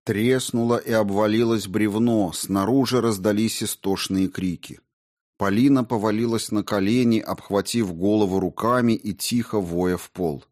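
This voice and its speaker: Brief: male audiobook reader, steady and measured narration. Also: lowish voice. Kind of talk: scripted narration.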